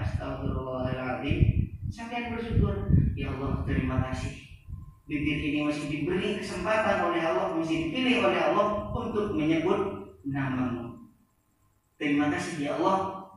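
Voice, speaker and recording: A man's voice: a little high, a bit bright, a little hiss or hum. Male preacher, echoey hall. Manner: slow, deliberate, repeats key phrases for emphasis. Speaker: preacher at an Islamic boarding school. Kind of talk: sermon. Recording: echoey hall, distant mic.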